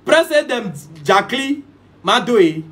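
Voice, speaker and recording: A man's voice: very high voice, sing-song, slow, sharp tone. A man giving a preachy, repetitive live-stream monologue, switching languages mid-sentence. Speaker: livestream host.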